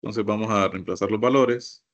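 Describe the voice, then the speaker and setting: A man's voice: fairly low pitch, steady tone, moderate pace, lo-fi sound. A man teaching a computer course, walking his class through each step and often asking them to look. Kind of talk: screen-share software lesson.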